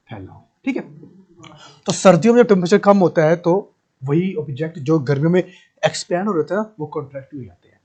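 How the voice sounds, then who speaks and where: A man's voice: fairly high pitch, mellow, husky. A man teaching a physics lesson, who explains step by step, repeats key terms and asks his class rhetorical questions. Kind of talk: classroom lecture.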